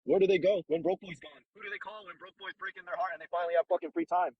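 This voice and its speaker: Blunt, fast-talking profane man. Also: high-pitched, steady tone, gravelly, husky, dull audio. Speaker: host giving dating advice. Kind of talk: casual advice chat. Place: in a car.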